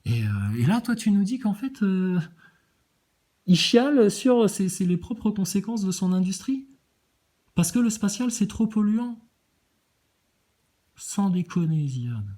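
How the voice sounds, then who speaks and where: A woman's voice: mid-range voice, very animated, unhurried, pauses often, dark tone. A woman ranting at viewer comments in a sarcastic, crude, mocking way, often laughing. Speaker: video host reacting to viewer comments.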